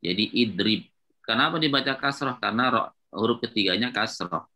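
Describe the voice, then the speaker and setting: Man, Arabic grammar lesson, lowish pitch, bright tone, patient and repetitive. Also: normal speed. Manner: patient, repetitive, checks with students often. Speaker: Islamic teacher of Arabic grammar. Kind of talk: classroom lecture at a whiteboard.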